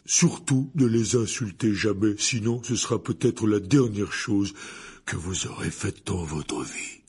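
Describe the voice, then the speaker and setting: Man doing a big gentle giant teacher, husky, slow, swings up and down a lot, lots of ums. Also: on the low side. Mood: explaining. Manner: hesitant, full of fillers, eager. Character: huge gentle half-giant teacher, clumsy and kindly. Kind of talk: dramatized audiobook reading.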